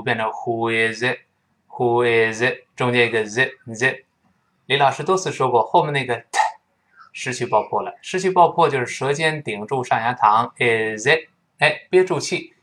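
A man teaching English pronunciation in Mandarin Chinese, who drills each phrase slowly and repeats it for his students to say back. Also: medium pitch, fairly bright tone.

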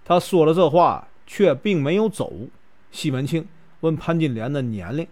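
A chatty male storyteller with a Northeastern Mandarin accent, stretching particles as he spins a classic tale. His voice is fairly high for a man. His pitch swings in a lively, animated way. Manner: chatty, with drawn-out filler particles. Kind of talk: casual storytelling of a classic novel.

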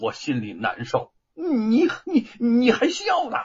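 A husky-voiced man voicing a blunt, lovesick swordsman who halts and pleads in a storytelling performance. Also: sits high, wildly swooping pitch, voice pushed up, heavily acted. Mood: earnest. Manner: pained, halting, earnest. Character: blunt, lovesick big-brother swordsman, troubled. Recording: dull lo-fi recording.

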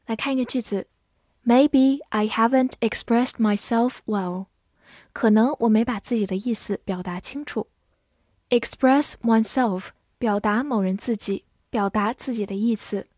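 A woman teaching English vocabulary, spelling each word letter by letter and reading example sentences slowly for practice. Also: a little high, a little mellow, dry recording, clean studio sound. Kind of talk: vocabulary lesson.

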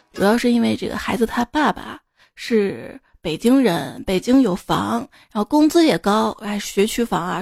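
A woman's voice: a little high, gravelly, darkish tone. A woman hosting a podcast, reading jokes aloud and chatting about them with listeners in a playful, conversational way. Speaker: podcast host. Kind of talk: reading jokes with casual commentary. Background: faint background music.

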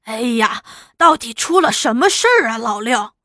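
A woman's voice: a little high, animated, moderate pace, sharp tone, no room sound, clean studio sound. A woman voicing a sly, cowardly old man who feigns innocence in a storybook reading. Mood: feigned innocence.

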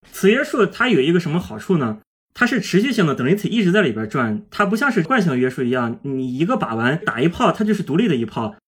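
Guy talking super fast, voice jumps all over, kinda husky, walking you through physics stuff. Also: on the high side. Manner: lively, explains step by step with everyday images. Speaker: guest, plasma physicist. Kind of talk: explanatory podcast chat.

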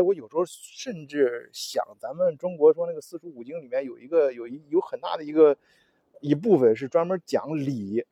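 A man's voice: medium pitch, mellow, slightly rough, dry recording. A man hosting a casual solo talk show, rambling with many restarts and fillers. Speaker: podcast host. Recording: dull, lo-fi audio.

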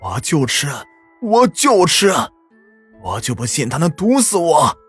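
A man voicing a stubborn, defiant lame old man in a spooky audio story, shouting back at his son. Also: mid-range voice, animated, unhurried, husky, soft background music. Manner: cackling, obstinate shouting.

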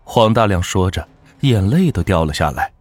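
A man narrating a folk ghost story in a dramatic, measured way. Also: low-pitched, big pitch swings, darkish tone, dry recording.

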